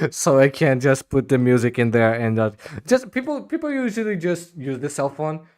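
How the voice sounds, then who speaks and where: A man's voice: mid-range voice, animated, normal speed, darkish tone, no room sound, studio quality. Brazilian guy hosting, lots of uhs. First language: Portuguese. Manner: hesitant, many fillers, laughs often. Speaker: podcast host. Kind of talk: casual video-call interview.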